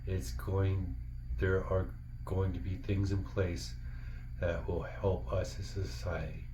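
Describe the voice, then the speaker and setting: A man's voice: deep voice, little pitch movement, slow pace. A man giving an earnest, encouraging, casual heartfelt monologue as a parent talking to other parents. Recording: dull lo-fi, faint background noise.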